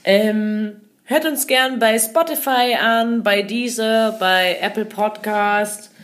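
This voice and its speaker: A young woman co-hosting a podcast, telling stories in a giggly, excitable way. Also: a little high, slow pace. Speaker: podcast co-host. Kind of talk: casual chat.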